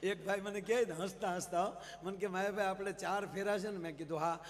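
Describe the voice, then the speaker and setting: A man telling humorous stories to a big live audience, acting out quick exchanges between characters. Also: high voice, in a large hall. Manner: lively storyteller, quick character exchanges, addresses audience as sir. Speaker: folk comedian on stage. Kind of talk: live stage humor storytelling. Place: large stage event.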